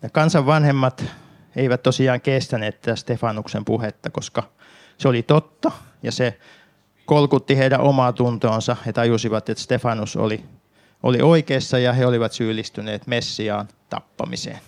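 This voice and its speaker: A man with a gravelly, creaky voice at a middle pitch preaches from the Bible. He talks in a calm, explanatory way and turns to his listeners as he works through the passage.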